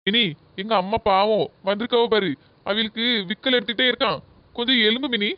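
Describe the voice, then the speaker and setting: A quick, fairly high voice of a woman acting a cartoon village son and husband. He coaxes and pleads with a southern Tamil Nadu accent, on a muffled recording. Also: steady tone, no room sound, lightly acted. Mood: insistent. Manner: pleading, insistent. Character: concerned, coaxing adult village son and husband. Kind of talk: comedy skit voice acting. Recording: muffled audio with hiss and clicks.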